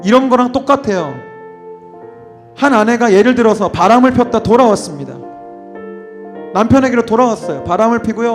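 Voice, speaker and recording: A man preaches a sermon in a church worship space, his voice pitched high with a gravelly edge. He swings from loud, emotional exclamations down to hushed, near-whispered lines. Soft music plays faintly underneath. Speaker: pastor.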